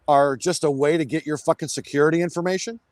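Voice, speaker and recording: A man's voice: a little high, fairly even intonation, quick pace, darkish tone, no room sound, clean studio sound. A man in casual, swearing chat on a call, his voice cutting in and out and dropping words. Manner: ranting, swearing, many fillers. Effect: voice cutting in and out on a call line. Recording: dropouts on an online call.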